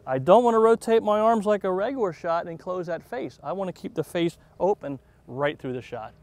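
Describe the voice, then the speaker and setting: A man's voice: high voice, a little fast, a little mellow. A man working as a golf commentator and instructor, speaking in an encouraging, praising manner. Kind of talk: golf commentary and short game lesson.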